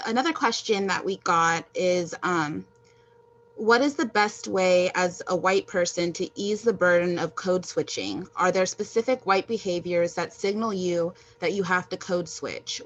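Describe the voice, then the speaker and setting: A woman moderating a panel on a video call, reading out audience questions in a soft-spoken way. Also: on the low side. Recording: muffled video call audio.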